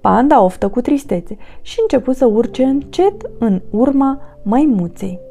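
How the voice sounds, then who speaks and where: Expressive woman reading a children's story. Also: a little high. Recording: faint background music.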